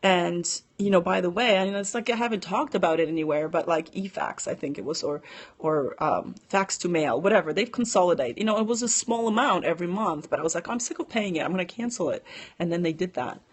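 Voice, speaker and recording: A woman's voice: lowish voice, expressive, brisk. A middle-aged woman giving casual, chatty money advice on a live stream, with many fillers, stopping now and then to answer viewer comments.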